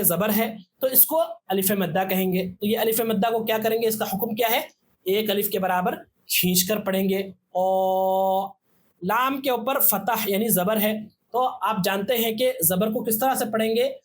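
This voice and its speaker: A man's voice: high-pitched, a little hiss or hum. A man teaching a Tajweed lesson step by step, patiently repeating and stretching out letter sounds.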